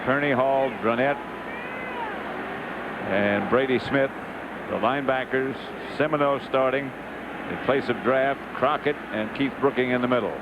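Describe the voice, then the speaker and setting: Very loud stadium noise sits behind a man with a medium-pitched voice. He is the play-by-play announcer at a live football game, calling the action in short, clipped phrases. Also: measured pace, long pauses, lo-fi sound. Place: live at an indoor stadium event. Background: loud stadium din.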